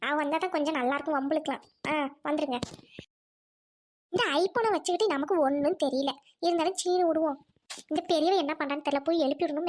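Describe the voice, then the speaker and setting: A woman playing an excited, scolding mother of two girls in a comic family skit. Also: very high-pitched. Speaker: content creator.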